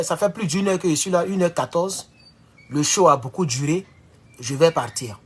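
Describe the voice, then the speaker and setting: In this slightly rough voice, a man rambles to his live-stream viewers in a casual monologue, alternating between loud, high bursts and low muttering.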